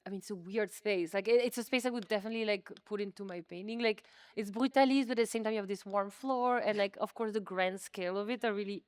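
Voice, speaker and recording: Here a French-native woman artist speaks quickly, pausing little, in a clean, mid-range voice on a dry recording. Interviewed in a museum exhibition space, she keeps her conversational talk informal and self-deprecating, hedging constantly with "like."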